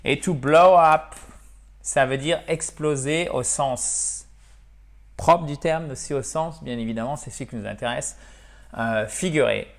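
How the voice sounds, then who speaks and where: A man giving a video English lesson in French, explaining verbs and slowly modelling English example sentences. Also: on the high side, vocal fry. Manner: addresses viewers as dear friends. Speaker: English teacher.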